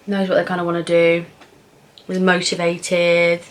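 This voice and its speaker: A young woman with a British accent and a slightly low voice. She talks casually and frankly, as in a vlog answering questions over food, pausing to think aloud as she goes. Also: monotone, poor audio. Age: young adult. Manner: informal, frank, thinking aloud with pauses and swearing. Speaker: vlogger answering viewer questions. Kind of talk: casual chatty Q&A while eating.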